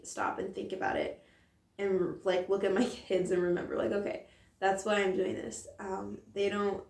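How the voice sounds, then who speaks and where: Her voice is medium in pitch, gravelly and a little mellow, picked up by a distant mic with roomy echo. This mother's personal vlog is candid, earnest and rambling, full of fillers, and a sore throat makes her sound strained.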